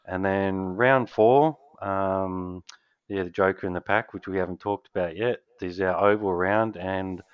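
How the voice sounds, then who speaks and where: A man's voice: sits low, fairly even intonation, unhurried, clean tone, dry recording. An Australian man chatting casually and colloquially as a laid-back guest organiser on a racing podcast. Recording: muffled, lo-fi voice channel.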